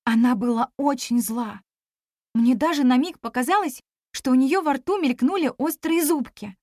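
A woman narrating a children's story in an even, expressive reading voice. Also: high-pitched, normal speed, dry recording, clean studio sound. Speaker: audiobook narrator.

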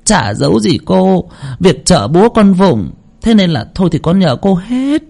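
A man's voice: sits high, very animated, measured pace, vocal fry, a little mellow, pitched above the performer's own voice, exaggerated voice. Man doing an effusive eager mother. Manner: effusive, ingratiating. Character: eager middle-aged mother, cheerfully generous.

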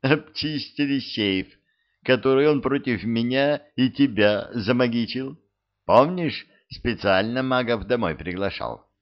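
A man voicing an indignant young woman thief, lifting his voice high and chattering in an audiobook reading. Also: a little slow, close to an everyday voice. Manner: raised, lively girlish voice. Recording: dull lo-fi recording.

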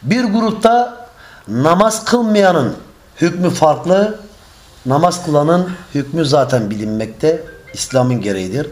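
A man preaching a religious lesson, measured and emphatic, stretching out key phrases. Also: fairly high pitch. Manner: quick chanted Arabic opening.

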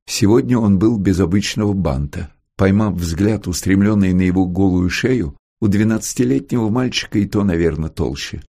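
A man reading a novel aloud in a calm, even storytelling manner. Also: low-pitched, moderate pace, gravelly, hardly any pauses. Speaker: audiobook reader. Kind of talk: audiobook narration.

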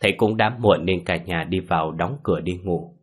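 A man narrating a ghost story in a slow, hushed, suspenseful manner. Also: low voice, slightly rough.

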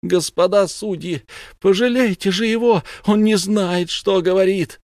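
A man's voice: high voice, measured pace, a little mellow, dry recording, studio quality, pitched above the performer's own voice. A man reading an audiobook voices a widowed peasant mother who wails and pleads desperately with the judges. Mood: frantic wailing. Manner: wailing, sobbing cries and desperate pleas.

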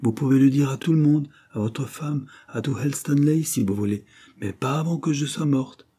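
A man's voice: fairly low pitch, normal speed, dark tone, breathy edge. A man voicing a proud, wild, distraught dying woman in an audiobook, vehement and prone to angry outbursts. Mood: pleading, intense. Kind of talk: audiobook character reading.

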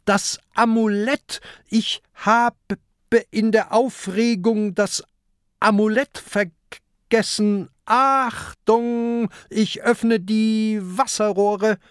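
A man's voice: high-pitched, steady tone, very slow, smooth, no echo, clean studio sound, voice pushed up. A man reading a children's audiobook, voicing a small, hot-tempered pirate boy who stammers. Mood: excited. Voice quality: stuttering.

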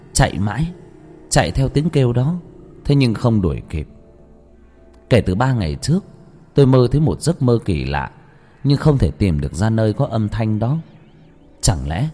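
A man narrating a first-person ghost story dramatically, at times shouting in anguish. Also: on the low side, breathy edge. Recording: reverberant with background music.

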